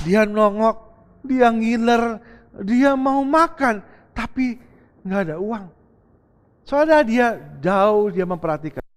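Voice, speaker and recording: A man preaching a sermon as pastor, swinging between loud bursts and soft lines as he acts out a story. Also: high-pitched, slow pace, pauses often. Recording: long reverb of a church hall.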